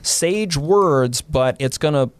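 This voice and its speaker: A man's voice: on the high side, expressive, slow pace, clear, resonant tone. A man, a historian guest on a podcast, explaining military history in a casual but detailed way, running through units and dates.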